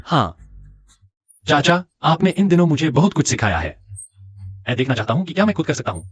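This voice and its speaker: A man's voice: a little high, sing-song, fairly quick, slightly rough, no echo. A young man dubbing an earnest, determined young shop owner in a drama. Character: earnest young male entrepreneur. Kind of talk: dubbed drama acting.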